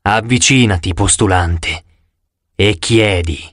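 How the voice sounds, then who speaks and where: Male narrator doing an eerie ancient spirit, deep and slow, dry close sound, audiobook. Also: a bit bright, dry recording, heavily acted. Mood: solemn. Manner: slow, low and hollow. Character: ancient oracle spirit, mummified, eerie and solemn. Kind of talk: audiobook character voice.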